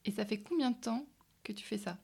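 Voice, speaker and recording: A woman asking podcast interview questions in a clear, direct way. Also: mid-range voice, brisk, a little mellow.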